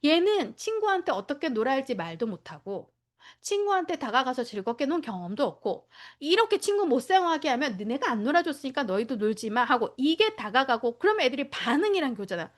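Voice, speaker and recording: A woman training daycare teachers, lecturing in a lively way, acting out children's and teachers' lines and checking in with short tag questions. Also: high-pitched, fairly quick.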